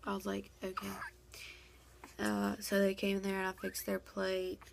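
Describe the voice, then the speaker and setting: A woman's voice: mid-range voice, completely flat delivery, measured pace, gravelly, noisy background. A young woman telling a personal story in a rambling, casual way, full of fillers and quoted dialogue. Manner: rambling, full of "like" and "um", quoting others.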